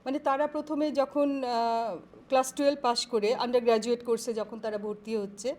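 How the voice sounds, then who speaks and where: A woman professor with a high voice speaks in a career guidance interview. She explains things in a measured, thoughtful manner, often pausing mid-sentence and using fillers while she finds her words. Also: steady tone, darkish tone.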